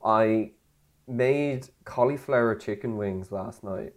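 A man's voice: on the low side, takes it slowly. A man co-hosting a casual podcast chat, teasing and playful, laughing often. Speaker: podcast co-host.

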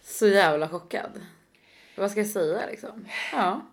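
A woman's voice: medium pitch, background noise. A young woman in casual chat, mostly giving short reactions and dry remarks.

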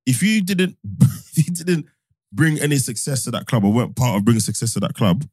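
A man in a casual football debate, pushing his argument hard with a voice that swings up and down in pitch. He sounds close to the mic, with a dry room and no echo. He talks at a middling pitch for a man. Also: sing-song, fairly quick, breathy edge, soft background music. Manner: argumentative, provocative, laughs loudly. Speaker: podcast co-host.

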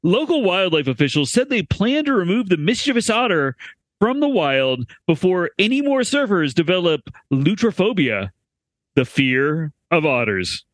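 Man, high voice, very animated, reads news with wisecracks, dry studio sound. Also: moderate pace, dry recording. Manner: reads news stories aloud with jokey asides. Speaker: podcast co-host. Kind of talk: comedic casual chat.

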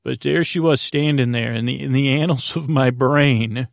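A bedtime podcast host speaks in a creaky, gravelly voice, recorded close and dry with no room sound. His droning, low-stakes monologue drifts along in halting bits, full of stammers and self-interruptions where he stops to correct himself.

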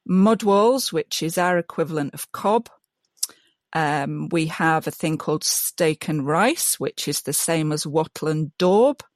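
In a laid-back interview chat, a mud mason from Yorkshire, England talks as a guest, her voice sitting low and her pace unhurried. She's enthusiastic, often restarts her sentences and says um a lot. The recording is close and dry with no echo.

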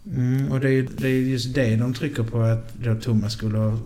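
A man co-hosting a casual true-crime podcast, calmly explaining and briefly agreeing. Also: mid-range voice. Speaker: podcast co-host.

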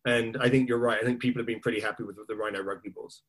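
A man's voice: mid-range voice, steady tone, racing, a bit bright. Hedging man co-hosting a casual chat. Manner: thoughtful, hedging with "you know" and "I mean". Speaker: podcast co-host.

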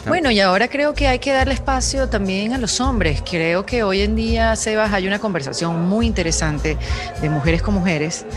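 A woman's voice: mid-range voice, normal speed, music in the background. A woman podcast host in casual conversation, asking frank, earnest questions.

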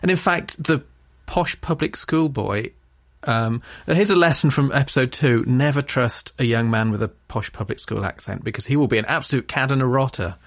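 A man from England co-hosting a casual podcast chat, wry and quick to laugh. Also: mid-range voice, dry recording, studio quality. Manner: wry, chatty, laughs often. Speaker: podcast co-host.

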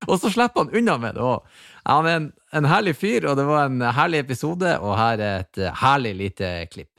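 A man's voice: medium pitch, very animated, creaky, fairly bright tone, no room sound, clean studio sound. A male podcast host in casual chat, upbeat and introducing guests and clips.

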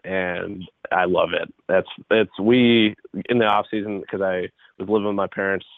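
A man in his twenties from the Chicago area, a baseball pitcher guesting on an interview, talking loosely and rambling with lots of filler "like.". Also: steady tone, moderate pace, creaky, no room sound. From Chicago area, United States. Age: 20s. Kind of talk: casual interview chat. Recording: tinny phone-like line.

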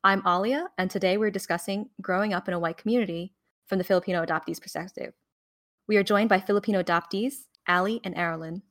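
A woman's voice: medium pitch, steady tone, fast talker, no echo, studio quality. A young adult woman hosting a podcast, asking questions and offering short acknowledgments. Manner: warm prompts, short acknowledgments. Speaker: podcast host. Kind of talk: casual interview.

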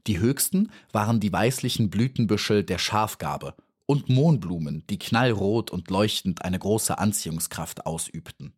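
A man narrating a children's audiobook in a calm, even storytelling manner. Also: on the low side, measured pace, slightly rough.

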